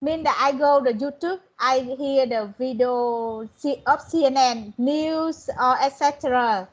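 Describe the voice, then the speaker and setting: A woman in her thirties, a student in an online English lesson, speaking in halting, hesitant English. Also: sits high, highs cut off. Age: 30s.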